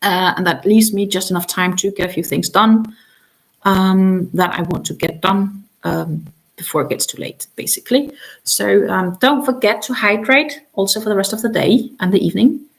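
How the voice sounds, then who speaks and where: A tired crochet streamer, whose first language is Danish, chats casually after a long day, with many ums and sentences that trail off and restart. Her voice is mid-range and gravelly, at normal speed, on a low-quality recording.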